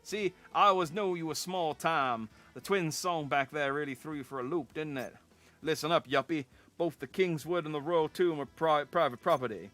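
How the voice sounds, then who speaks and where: A man's voice: a little high, normal speed, fairly bright tone, faint music behind, natural voice. A man voicing a brash, cocky young male rival reporter with a Boston accent, trash-talking and mocking. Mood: taunting.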